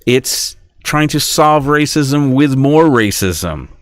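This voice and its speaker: A man's voice: medium pitch, animated, slow pace, dry recording, clean studio sound. A man hosting a podcast, talking in a rambling, indignant monologue and acting out imagined back-and-forth dialogues. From United States. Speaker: podcast host. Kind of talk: casual monologue.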